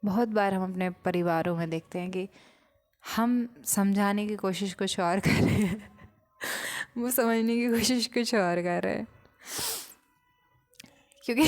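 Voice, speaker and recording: A woman giving a reflective spiritual talk, speaking in short, unhurried phrases with pauses and sometimes telling a story with gentle amusement. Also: medium pitch.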